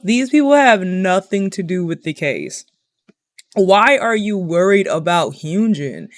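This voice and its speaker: A young woman giving an indignant commentary rant, piling up rhetorical questions and filling pauses with "like". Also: a little high, dry recording. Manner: indignant, exasperated, repeats herself with rhetorical questions; heavy use of "like" as filler. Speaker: commentary vlogger.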